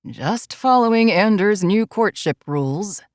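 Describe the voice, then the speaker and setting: A woman voicing an easygoing blonde adult male alpha who murmurs in a relaxed drawl. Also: deep voice, moderate pace, dry recording, studio quality, voice pushed down.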